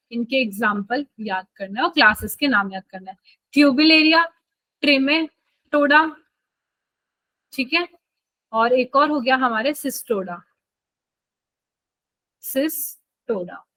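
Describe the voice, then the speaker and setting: A woman's voice: high voice, pushed and bright, dry recording, low-quality recording. A woman teaching a live online biology class in a chatty way, often checking that students follow.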